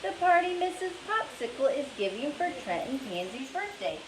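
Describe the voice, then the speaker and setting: A woman's voice: sits high, very animated, moderate pace, echoey room, a little hiss or hum, pitched above the performer's own voice, poor audio. Woman doing a bossy little sister.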